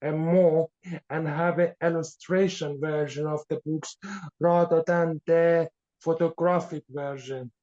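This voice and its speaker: A man from Iran, an author being interviewed, speaking haltingly with frequent fillers as he searches for words. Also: a little high, steady tone, dark tone. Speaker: author guest. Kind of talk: podcast interview. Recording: dull lo-fi sound.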